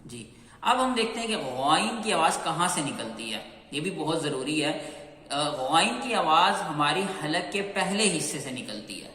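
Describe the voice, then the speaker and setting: A man with a bright, fairly high voice gives a patient pronunciation lesson, drawing out each letter slowly and repeating it. The room is echoey, and each word trails off into a long reverb. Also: very animated. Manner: slow, clear, repeats sounds and drawn-out chanted letters. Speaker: Qur'an teacher.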